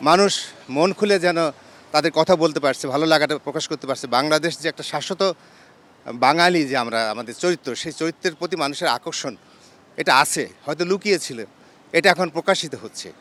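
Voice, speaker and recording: A man giving his opinion in a street interview, thoughtful and pausing to find his words. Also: on the high side, fairly bright tone. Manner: thoughtful, with hesitations. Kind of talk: reflective vox pop opinion.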